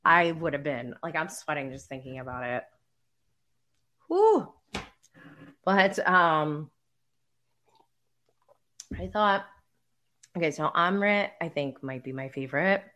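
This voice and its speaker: A young woman hosting a relaxed recap show, chatting casually with many fillers, laughing often and getting emotional. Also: deep voice, unhurried, pauses often. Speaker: podcast co-host recapping reality TV. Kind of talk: casual chat.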